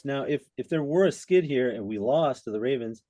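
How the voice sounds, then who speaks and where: A man co-hosting a football podcast, talking in a relaxed way and often calling the others man. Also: medium pitch, brisk, no echo. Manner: relaxed, says man a lot. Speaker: podcast co-host. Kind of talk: casual sports chat.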